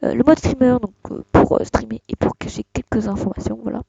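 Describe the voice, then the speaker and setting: Young tutorial host, gravelly and mellow, hesitant delivery, dull dry desktop mic sound. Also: mid-range voice, steady tone, a little fast, dry recording. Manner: hesitant, many fillers and restarts. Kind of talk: casual screen-recorded tutorial.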